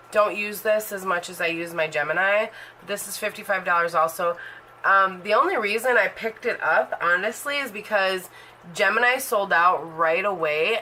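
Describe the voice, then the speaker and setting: This beauty vlogger, a woman in her thirties, speaks at a fairly low pitch with a pushed, bright quality. Her casual vlog about her makeup collection wanders and is packed with fillers, and the poor audio has a little hiss or hum.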